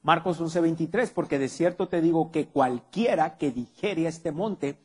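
His voice sits a little high, a touch mellow and slightly rough, at a normal speed. The speaker is a male pastor giving a sermon in a church hall, challenging the congregation with rhetorical questions amid long hall reverb.

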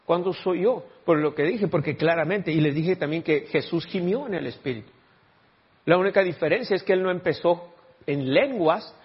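A man's voice: on the high side, breathy edge, muffled recording. A male pastor preaching a sermon, often turning to the congregation with questions. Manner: keeps asking the congregation rhetorical questions.

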